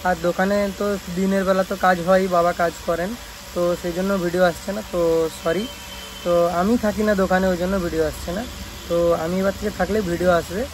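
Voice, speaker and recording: Quick-paced and high-pitched with little pitch movement, a young West Bengali man from India talks viewers through things in his speaker repair shop vlog. He frequently uses check-in tags and restarts phrases, and the phone recording is clearly noisy.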